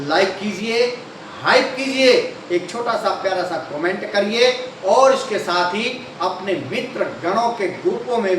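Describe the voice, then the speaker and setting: A man's voice: high-pitched, fairly bright tone, a little hiss or hum. A male teacher and channel host who opens the lesson by speaking directly to his students. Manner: friendly, addresses students directly. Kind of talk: lesson introduction. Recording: very echoey room, voice far from mic.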